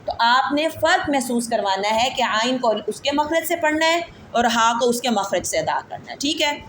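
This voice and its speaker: A woman with a Pakistani Urdu accent teaching Quran reading, drilling letters slowly and patiently asking her students to repeat after her. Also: a little high, animated, a bit bright, a little hiss or hum.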